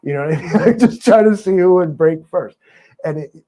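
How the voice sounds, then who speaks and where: Rambling New man, mellow voice. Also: sits high, a little fast. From New York. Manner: rambling, filler-heavy, joking and sarcastic. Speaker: guest. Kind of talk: casual interview chat.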